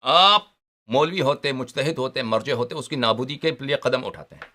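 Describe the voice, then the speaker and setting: A man giving a religious lecture, explaining Arabic terms in Urdu and often checking that listeners follow along. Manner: animated and emphatic, with sharp rises in pitch and loudness.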